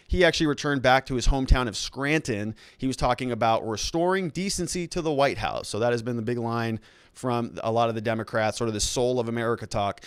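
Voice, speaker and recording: Male live-stream political commentator, crisp and dry-sounding, conversational with rambling asides. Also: medium pitch, no room sound.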